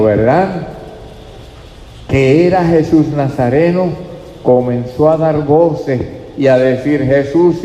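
A man's voice: mid-range voice, mellow, roomy sound, in a large hall, muffled recording. A man preaching a fervent sermon to a congregation, addressing listeners as brother.

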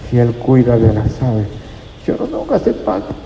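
Gravelly-voiced preacher in an echoey hall. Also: male voice, mid-range voice, wildly swooping pitch, moderate pace, dark tone, dull audio, a little hiss or hum. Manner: earnest, addresses listeners as brother. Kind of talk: sermon. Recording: echoey hall with faint ambience.

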